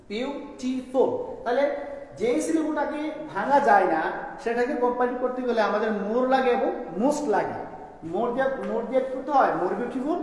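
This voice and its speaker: A man's voice: very high-pitched, darkish tone. A man teaching a classroom grammar lesson, explaining step by step and asking his students questions as he goes. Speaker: school teacher. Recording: echoey room, long reverb.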